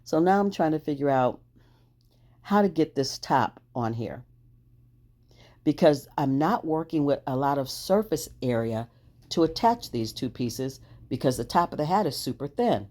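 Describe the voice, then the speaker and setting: A woman's voice: low-pitched, expressive, moderate pace, warm tone. A woman hosting a crafting video, chatting cheerfully through each step and laughing at her own struggles. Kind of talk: casual crafting voice-over.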